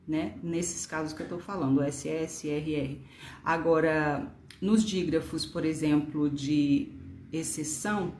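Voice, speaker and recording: In an echoey room, a lowish, slightly mellow-voiced teacher from Brasília calmly walks students through grammar online, spelling out each word one letter at a time in her Portuguese-accented speech.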